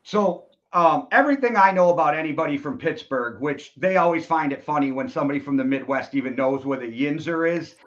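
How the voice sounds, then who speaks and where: A man's voice: fairly high pitch, brisk, few pauses, a bit bright. A man from Wisconsin hosting a casual interview, eager and chatty as he asks questions. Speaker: podcast host. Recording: dull lo-fi sound.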